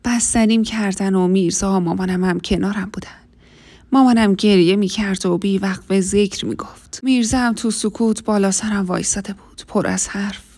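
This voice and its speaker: A woman telling a first-person story in a soft, half-whispered voice. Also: medium pitch, fairly even intonation. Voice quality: husky, breathy.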